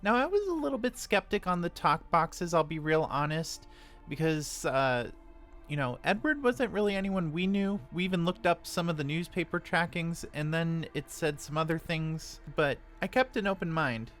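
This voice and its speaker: A woman's voice: fairly low pitch, expressive, normal speed, soft background music. A woman giving a casual, candid voice-over narration as host of a ghost-hunting vlog.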